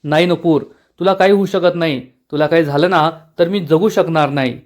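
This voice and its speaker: एक पुरुष काळजी करणाऱ्या, प्रेमळ नायकाच्या ओळी वाचतो. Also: male voice, a little high, moderate pace, lightly acted. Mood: earnest. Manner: earnest, caring. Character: devoted protective young hero.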